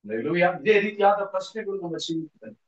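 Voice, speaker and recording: High-pitched impassioned male preacher. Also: animated, fast talker. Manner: impassioned, rising to shouted pleas; repeats phrases in rhythmic lists. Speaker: evangelist preacher. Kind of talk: sermon. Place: church hall. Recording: roomy, distant, lo-fi church recording.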